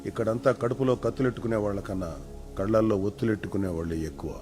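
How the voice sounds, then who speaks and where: An actor playing a commanding man who gives weighty, measured speeches full of sayings in a film drama. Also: lowish voice, lightly acted. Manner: measured, proverb-laden speech. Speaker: political leader. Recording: film dialogue over music score.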